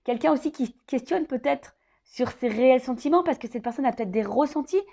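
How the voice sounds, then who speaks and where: A warm, high-pitched woman's voice, a little fast, leads an improvised love horoscope tarot reading aimed at the viewer. Her delivery is hesitant and thought-out-loud, full of repeated phrases and frequent "hein."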